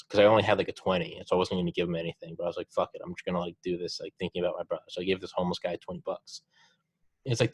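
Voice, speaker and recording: A young man with a lowish voice hosts a casual podcast chat, swearing freely and cheering his guest on. His delivery is animated and story-driven. The sound is dry and close, with no room echo. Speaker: podcast host.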